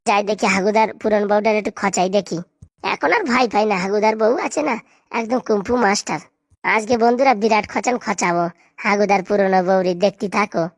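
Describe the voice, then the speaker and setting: A woman's voice: medium pitch, no room sound, studio quality, natural voice. A woman voicing a mischievous young male prankster in a cartoon, talking in mocking, scheming asides to the viewers. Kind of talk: cartoon voice acting.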